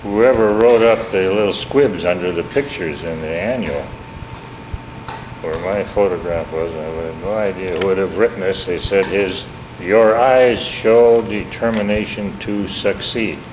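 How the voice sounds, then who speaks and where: Deep and a little mellow, this man speaks at a normal speed. In his seventies and from Minneapolis, he reminisces about family history with an Upper Midwestern accent, folksy and wryly self-deprecating, as an elder recalling memories. It's an echoey, noisy home recording with background hum.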